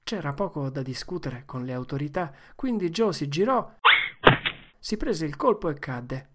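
Low-voiced woman reading a storybook. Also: moderate pace, slight background noise. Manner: calm, even-paced narration. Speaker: narrator.

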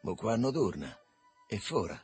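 Man putting on a grumpy drunk boat guy, low and slow, husky. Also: big pitch swings, darkish tone, faint music behind, heavily acted. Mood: surly. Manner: slurred, grumbling. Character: surly drunk young boatman.

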